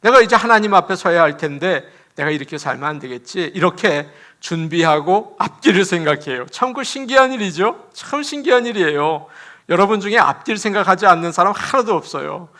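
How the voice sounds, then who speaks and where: A man, a pastor, preaching an animated sermon in a church, laughing as he talks and acting out quotes. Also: high-pitched, a little fast.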